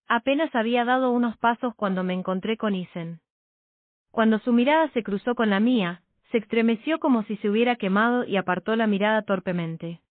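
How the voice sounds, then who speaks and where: A woman reads a first-person romance story aloud in a steady, measured voice. The sound is thin and tinny, like a phone line, with a dry, close feel. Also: mid-range voice, no echo. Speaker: audiobook narrator.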